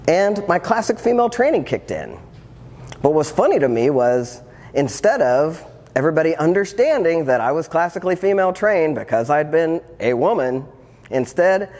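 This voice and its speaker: A transformational coach in his fifties tells an audience his personal story with earnest reflection and wry humor. His voice is fairly high and a little mellow, recorded with long hall reverb and faint ambience.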